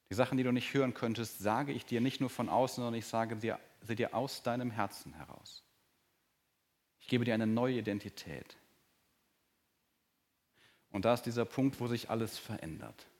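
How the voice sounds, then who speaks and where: German pastor preaching with quiet emphasis. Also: male voice, medium pitch. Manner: earnest, varies pace and volume, drops to soft, slow emphasis. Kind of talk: sermon. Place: church hall with a projector.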